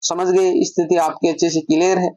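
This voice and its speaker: A woman's voice: lowish voice, little pitch movement, fairly quick, mellow, no room sound, muffled recording. A woman teaching a grammar lesson, explaining step by step and answering her own questions.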